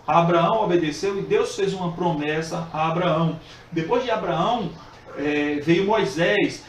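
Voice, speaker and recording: A man teaching a Bible study lesson, earnest and repetitive, pausing often with fillers as he explains. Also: high voice. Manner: earnest, repeats phrases with frequent filler pauses. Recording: echoey room, distant mic, faint hiss.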